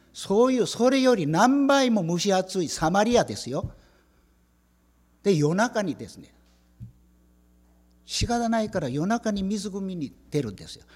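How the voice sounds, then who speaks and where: A man from South Korea, Korean his first language, preaching a sermon with animated storytelling, acting out the dialogue and asking the congregation questions. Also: high-pitched, unhurried, long pauses, long reverb tail. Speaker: pastor.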